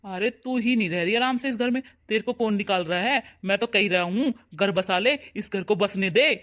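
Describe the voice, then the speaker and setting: A voice actor playing a young husband and protective son in a cartoon, loud and scolding. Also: medium pitch, moderate pace, natural voice. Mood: angry. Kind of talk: cartoon voice acting.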